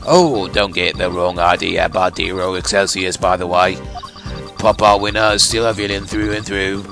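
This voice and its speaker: In a fan voice-over for a game, a man plays a smug, gloating phone caller who taunts and teases, his voice run through a voice changer over a phone line. The voice is deep, gravelly, a bit bright and pitched down, delivered flatly at normal speed over soft background music.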